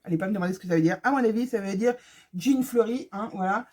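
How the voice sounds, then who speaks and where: A woman's voice: medium pitch, quick pace, warm tone. A woman chatting casually to her viewers in a sewing fabric haul vlog, joking as she shows each fabric, recorded on her phone. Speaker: sewing vlogger. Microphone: phone camera.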